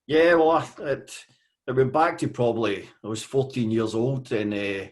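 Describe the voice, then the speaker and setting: A Scottish man in his fifties, a podcast guest talking casually with many fillers and pauses. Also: medium pitch. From Scotland. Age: 50s. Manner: hesitant, with frequent fillers. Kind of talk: casual interview.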